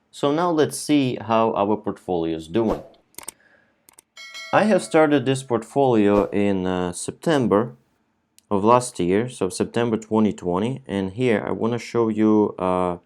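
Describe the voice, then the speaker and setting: Low-voiced young man talking through his investment plan. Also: lively intonation, measured pace, darkish tone. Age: 20s. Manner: thinking aloud with frequent fillers and restarts. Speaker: finance channel host. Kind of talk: casual explainer over a screen share.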